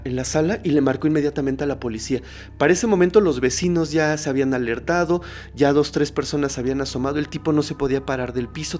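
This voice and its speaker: Suspenseful male horror storyteller. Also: mid-range voice. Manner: suspenseful, shifts between hushed and raised tones. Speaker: podcast host and storyteller.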